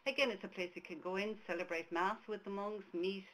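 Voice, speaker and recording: A native Irish speaker from Ireland with an Irish accent, this woman is a tour operator presenting a conversational webcast over a webcam mic. Her medium-pitched voice is steady, fairly quick, and a bit bright, with frequent restarts and fillers. The recording is rough, with a little hiss or hum.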